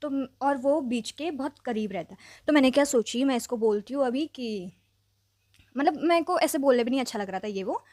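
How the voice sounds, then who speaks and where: A young woman telling a personal story in a chatty, animated vlog style, dropping English phrases in and leaning on fillers. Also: high-pitched, moderate pace, no room sound, clean studio sound. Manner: mixes English phrases into speech. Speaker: vlogger. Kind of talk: casual storytelling.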